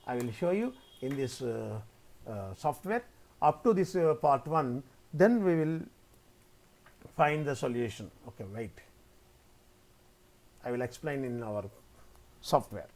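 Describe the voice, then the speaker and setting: A man's voice: mid-range voice, sing-song, a little slow, long pauses, a little mellow. A man giving a spoken tutorial as a lecturer, often repeating his phrases as he explains each step. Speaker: maths lecturer teaching software coding.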